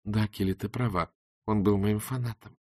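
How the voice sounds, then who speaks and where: A man's voice: on the low side, fairly even intonation, moderate pace, mellow, no room sound, studio quality, lightly acted. A man voicing a young woman singer who speaks sweetly with a bitter edge. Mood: cool.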